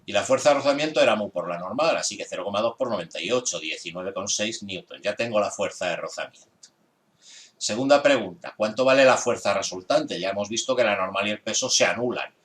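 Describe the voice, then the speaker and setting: A man's voice: on the low side, animated, quick pace, fairly bright tone. A man who is a physics teacher, methodically working through an exam solution step by step for his students. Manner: exasperated with students' grades.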